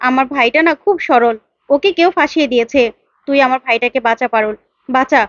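A woman's voice: high voice, fairly quick, no room sound, lo-fi sound, natural voice. A woman voicing a distraught father who tearfully begs for help to save his brother. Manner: tearful, begging.

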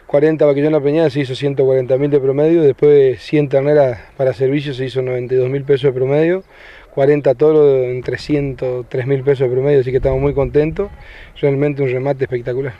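A man's voice: medium pitch, dry recording. A man in his thirties with an Argentine accent, answering questions in an interview on a handheld microphone. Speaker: cattle auction interviewee. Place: outdoors by cattle pens. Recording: dry, slightly dull field interview.

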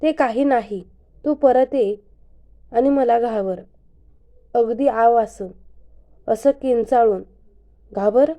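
A woman's voice: on the high side, slow, long pauses, dark tone. Woman narrator doing a stubborn, pouty young woman. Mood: pouting playful. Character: playful, stubborn young woman who sulks.

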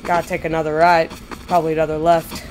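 A woman's voice: low voice, flat delivery, fast talker, a little mellow, a little hiss or hum. A young woman commentating horror gameplay, jittery and bursting into frightened shrieks. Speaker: gamer.

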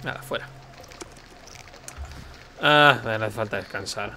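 A man's voice: fairly low pitch, slow. A young man giving casual, joking let's play commentary while he plays, talking to himself. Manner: chatty, joking, self-talking. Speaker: gamer streamer. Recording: voice over loud game music.

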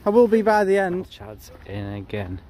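Man, higher-pitched voice, casual encouraging vlog chat, outdoors, faint background noise. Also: very animated, normal speed. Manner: encouraging, often congratulating others. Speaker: angler filming a fishing competition. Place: outdoors beside a fishing lake.

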